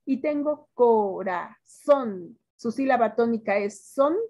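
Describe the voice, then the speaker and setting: A woman's voice: a little high, warm tone. Mexican woman teacher drilling her class. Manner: stretches words out slowly and quizzes the class. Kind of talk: classroom lesson.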